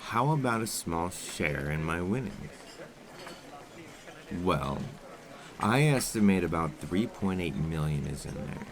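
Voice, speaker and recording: A man playing a suave, menacing criminal in a scripted ASMR role-play, with a smooth, condescending, impatient and commanding manner. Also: deep voice, lively intonation, slow pace, pauses often, crowd noise, exaggerated voice. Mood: coolly persuasive. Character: suave, menacing male criminal coaxing a captive dinner date.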